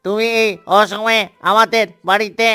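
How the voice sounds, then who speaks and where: A man's voice: high voice, flat delivery, moderate pace, bright, forceful tone, clean tone. A man voicing a father duck who speaks steadily while searching for his lost duckling. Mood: worried.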